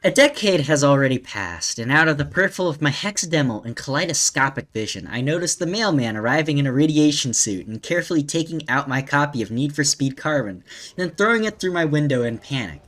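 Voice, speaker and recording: A man's voice: on the high side, lively intonation, fast, fairly bright tone. A young man reading a silly internet story aloud, often breaking into laughter.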